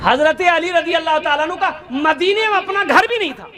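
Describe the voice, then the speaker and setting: A man from Bengal giving an animated sermon to a seated gathering, questioning his listeners and slowing down for emphasis. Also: very high voice. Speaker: Islamic preacher. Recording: live gathering with crowd noise. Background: seated crowd of listeners.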